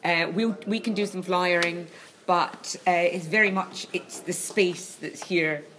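A woman's voice: fairly low pitch, steady tone, unhurried, fairly bright tone. A woman chatting casually and emphatically, bluntly and with some swearing, in a small, echoey concrete venue. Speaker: co-host and venue owner promoting shows. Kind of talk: casual rambling banter and announcements. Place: small echoey venue behind a charity shop. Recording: echoey concrete room, clear background noise.

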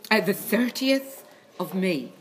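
A woman's voice: medium pitch, big pitch swings, slow. A woman chatting casually and emphatically, bluntly and with some swearing, in a small, echoey concrete venue. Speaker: co-host and venue owner promoting shows. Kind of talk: casual rambling banter and announcements. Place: small echoey venue behind a charity shop. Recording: echoey concrete room, clear background noise.

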